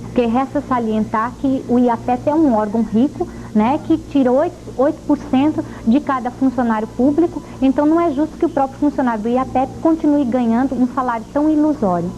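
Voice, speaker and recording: On what sounds like an old VHS tape, dull and lo-fi with faint hiss, a woman answers a TV news interview as president of an association. Her voice sits high and warm, and she speaks briskly and firmly, with few pauses and an assertive edge.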